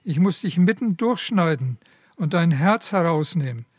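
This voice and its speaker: A man's voice: on the high side, lively intonation, normal speed, breathy edge, no echo, clean studio sound. A man voicing the solemn, serious master of a garden in a read-aloud parable. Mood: grave. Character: grave, stern master of the garden.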